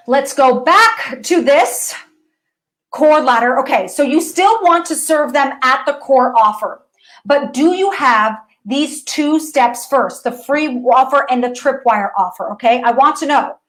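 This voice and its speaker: A woman dance physical therapist teaching an online course lesson in a casual, animated way, talking straight to viewers and often restarting her sentences. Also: high voice, low-quality recording. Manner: reads messages aloud.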